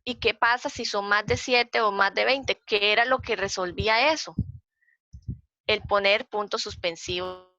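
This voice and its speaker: Her voice medium in pitch, pushed and bright, a Costa Rican-accented librarian patiently presents slides in a citation training session, repeating points and counting slowly aloud. The dry recording has a dull, lo-fi quality.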